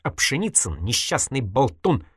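A woman's voice: rumbling low, very animated, normal speed, no echo, studio quality, voice pushed up, exaggerated voice. A reader voicing a stubborn teasing young woman. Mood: needling. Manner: needling, reproachful. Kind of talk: audiobook character voice.

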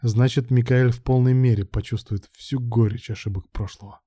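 Male audiobook narrator; steady and measured, very dark tone, dry close mic. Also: medium pitch, breathy edge, dry recording.

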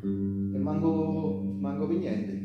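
A male actor performs a stage monologue as an ordinary, excitable townsman recalling a wartime battle, speaking with a central Italian accent in colloquial, dialect-tinged, repetitive speech full of rhetorical tags. His pitch is fairly high and his pace slow, with a grave, dramatic, conversational mood. The lo-fi recording comes from a roomy live stage, with live guitar accompaniment.

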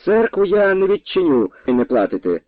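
A man doing a shrill, panicky old nobleman. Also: big pitch swings, moderate pace, no room sound. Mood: fawning. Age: older. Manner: pleading, panicky, shrill outbursts. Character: frightened, fawning old Polish nobleman. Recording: dry, tinny phone-like sound.

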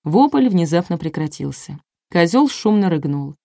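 Woman narrator, wry ironic audiobook reading, lowish voice, dry close sound. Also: very animated, unhurried, creaky, mellow, no echo. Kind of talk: first-person audiobook narration.

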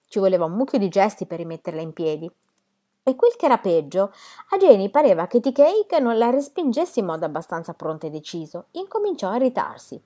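A woman reading a novel aloud in an even, measured literary style. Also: mid-range voice. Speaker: reader.

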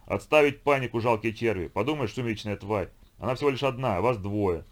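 A man's voice: medium pitch, brisk, close to an everyday voice. A man voicing a brutal viking pirate chieftain in an audiobook, barking orders and threats. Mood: commanding. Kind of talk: audiobook character voice.

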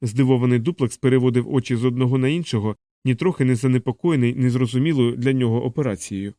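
A man narrating an audiobook in a measured, steady reading voice on a close studio mic. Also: medium pitch, no echo.

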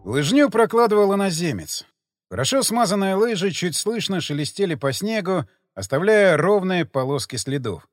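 A man narrating an audiobook in an expressive storytelling read. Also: high voice, normal speed, dry recording. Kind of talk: scripted narration.

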